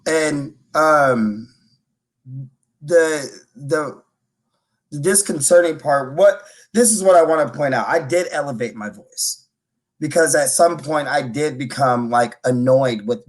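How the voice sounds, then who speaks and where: Man, podcast co-host, casual animated retelling, mid-pitched voice. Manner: animated retelling with restarts and swearing. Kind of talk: casual conversation.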